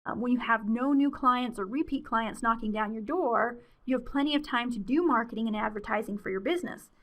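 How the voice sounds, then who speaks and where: A woman's voice: a little high, brisk, fairly bright tone. A woman presenting a webinar in a friendly, conversational way with frequent fillers, her voice wearing out. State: losing her voice.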